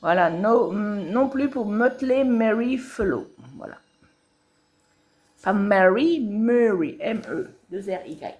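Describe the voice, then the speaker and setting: A woman's voice: medium pitch, animated, takes it slowly, a little mellow. A woman casually showing her cross-stitch projects at home, talking in a rambling way with many hesitations. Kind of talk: casual show-and-tell chat. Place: home, washing machine spinning nearby.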